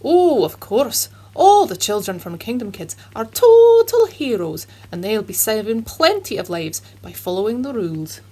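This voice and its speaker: A woman putting on a cheerful Scottish man who tells Bible stories to children. His voice is husky and sits fairly high, and his narration is earnest and dramatic. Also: very animated, normal speed, few pauses, mellow, poor audio. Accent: Scottish (put on).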